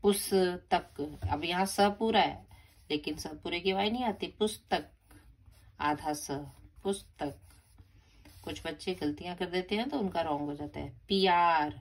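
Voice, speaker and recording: A woman's voice: fairly low pitch, brisk. A woman teaching a grammar lesson to young children, patiently spelling out words syllable by syllable. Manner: repeats and stresses each word for children. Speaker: primary school teacher.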